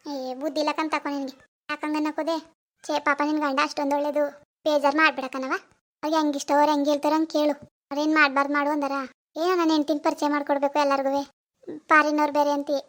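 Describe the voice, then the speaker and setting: A woman's voice: high-pitched, flat delivery, racing, fairly bright tone. Woman voicing a firm, caring village mother. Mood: scolding. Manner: coaxing, scolding. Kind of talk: animated cartoon voice acting.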